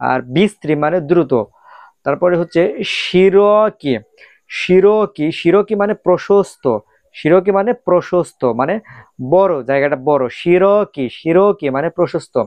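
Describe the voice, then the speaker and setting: A man's voice: sits high, moderate pace, darkish tone, clear, resonant tone, dry recording. A man giving a casual video lesson on vocabulary, repeating each word many times with frequent "ah" and "um" hesitations. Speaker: language teacher.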